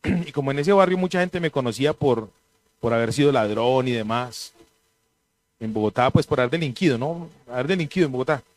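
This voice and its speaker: A man preaching a sermon, telling stories animatedly and clearing his throat now and then. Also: medium pitch, a little fast. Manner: animated storytelling, mimics voices in anecdotes.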